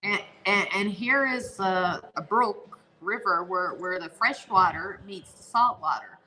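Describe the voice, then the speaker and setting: A woman's voice: mid-range voice, a little slow, sharp tone, poor audio. A woman from Newfoundland with a Newfoundland accent, chatting casually and enthusiastically as a guest co-host. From Newfoundland, Canada. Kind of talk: casual chat.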